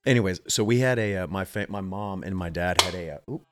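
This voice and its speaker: A show host in his thirties from the US Southeast tells a rambling story, talking fast in a low, stuffy, nasal voice. He keeps interrupting himself to restart sentences and chuckles along, with music playing behind him.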